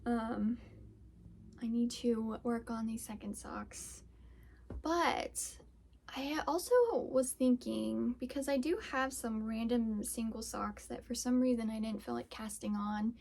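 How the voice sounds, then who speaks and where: A woman's voice: a little high, fairly even intonation, slow pace, vocal fry, darkish tone. Chatty woman with a slightly fried voice. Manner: chatty, rambling with many fillers. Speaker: podcast host and yarn dyer. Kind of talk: casual chat.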